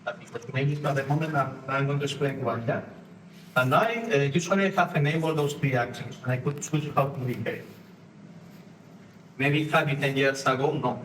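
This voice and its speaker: A man from Spain with a Spanish accent, giving a live conference talk with halting phrasing and frequent restarts while acting out postures and inner voices for the audience. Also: medium pitch, fairly bright tone. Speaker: conference speaker. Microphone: distant room mic. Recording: echoey room from far off, faint noise.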